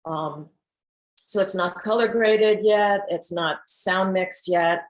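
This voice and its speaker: A woman filmmaker introducing clips from her documentary on a video call, pausing often with fillers. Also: mid-range voice, poor audio. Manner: hesitant, many fillers. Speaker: filmmaker presenting her work. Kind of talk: hesitant art-talk presentation.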